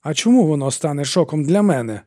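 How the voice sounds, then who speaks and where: A man's voice: fairly high pitch, lively intonation, fast talker, mellow, no room sound, clean studio sound, pitched above the performer's own voice, close to an everyday voice. A man voicing a big, angry man who barks accusations at an old woman. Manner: harsh, barking, accusing.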